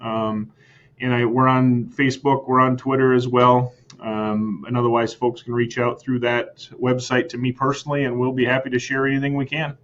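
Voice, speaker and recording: Speaking at normal speed with little pitch movement, this American school superintendent has a middle-pitched, somewhat bright voice in a podcast interview captured with slightly dull sound. He restates points earnestly, repeating words and ending lines with "right?".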